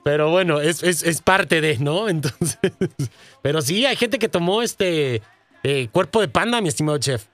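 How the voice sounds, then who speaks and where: A man's voice: fairly high pitch, expressive, unhurried, fairly bright tone, dry recording. A man with a Mexican accent chatting casually and jokingly as a radio show host. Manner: jokey, chatty. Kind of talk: casual chat.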